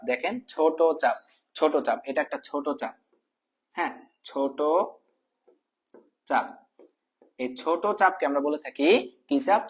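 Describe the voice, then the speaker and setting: A man teaching a math lesson in a casual spoken way, repeating each term and asking the viewer questions, addressing them as brother. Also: mid-range voice. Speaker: math tutor.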